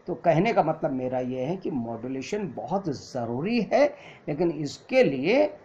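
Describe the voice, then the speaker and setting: A man's voice: fairly high pitch, very animated, measured pace, mellow. A man teaching an acting class, explaining patiently and mixing English terms into his Hindi. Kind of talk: lecture. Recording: dull lo-fi recording.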